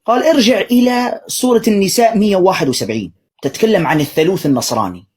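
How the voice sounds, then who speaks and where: A man preaching in a rapid, husky voice that swings widely in pitch. He mocks and drives his points home with heavy sarcasm while answering recorded clips as a polemical commentator. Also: animated, darkish tone. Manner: mocking, sarcastic, emphatic.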